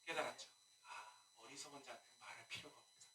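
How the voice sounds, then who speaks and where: A male pastor preaching a sermon in a lively way, with rhetorical questions and humorous asides. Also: medium pitch, quick pace. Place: church sanctuary. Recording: echoey room, mic at a distance.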